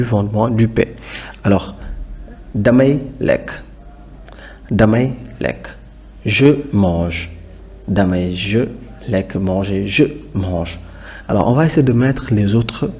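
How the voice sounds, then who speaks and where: Male language teacher; very slow, patient delivery, repeats each word for pronunciation. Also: lowish voice, a little mellow, slightly rough. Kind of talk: language lesson.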